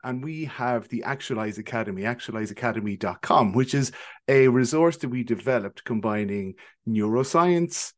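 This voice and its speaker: A man's voice: medium pitch, normal speed. An Irish man speaking as a podcast guest, explaining his work in a conversational, wry way. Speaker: podcast guest, behavioural specialist. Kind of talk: casual interview talk, explaining.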